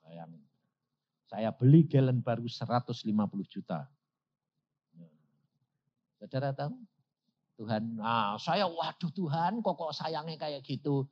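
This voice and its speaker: An older man preaching, telling a story and acting out the dialogue with sudden loud, high jumps. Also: expressive, a little slow, pauses often. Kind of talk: storytelling sermon. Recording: dull lo-fi sermon recording.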